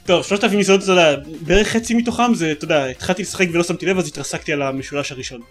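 Man, podcast co-host, casual gaming chat, eager and rambling, slightly high voice. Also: faint music behind. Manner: enthusiastic, rambling with many fillers.

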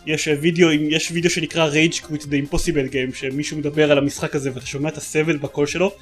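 A man's voice: on the high side, flat delivery, faint music behind. A man co-hosting a casual gaming podcast, talking eagerly and rambling with many fillers. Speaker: podcast co-host.

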